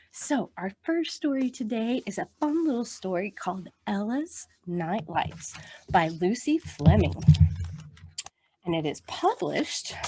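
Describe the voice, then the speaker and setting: Background noise sits under this woman's medium-pitched voice. She leads a storytime for little kids, full of songs and picture-book reading, speaking encouragingly and reading aloud to her small audience.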